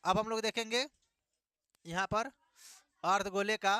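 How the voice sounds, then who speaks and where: A man's voice: high-pitched, steady tone, measured pace, sharp tone, clear, resonant tone, no room sound, clean studio sound. A man teaching a math lesson, repeating key words back as questions and adding playful asides.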